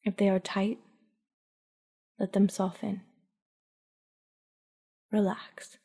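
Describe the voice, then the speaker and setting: Soft-spoken and in no hurry, a woman with a medium-pitched voice guides listeners toward sleep like a bedtime story, ending phrases on a breath. The recording leaves a long reverb tail on her voice.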